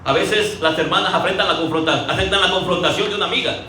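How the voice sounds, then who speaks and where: Heard from a distance in an echoey hall with faint ambient noise, this preacher has a high-pitched, bright, forceful voice and a quick pace. His sermon is conversational, built on stories in which he acts out each quote.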